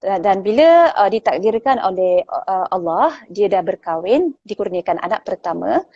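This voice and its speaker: A woman, a guest in a casual book chat, retelling stories in a lively way with many fillers. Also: mid-range voice, normal speed, no room sound, muffled recording.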